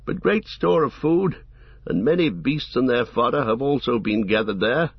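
A man voicing a steady, earnest older male soldier. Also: mid-range voice, normal speed, vocal fry, breathy edge, no room sound, muffled recording.

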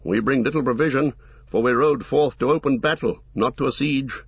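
A man's voice: mid-range voice, a little fast, creaky, slightly rough, no echo, highs cut off, voice pushed up. A man doing a stern commanding captain.

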